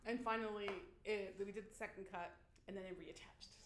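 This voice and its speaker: A woman guest in a casual panel chat, telling a long story in an animated way and acting out the quotes. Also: mid-range voice, a little fast, slight background noise. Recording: echoey room.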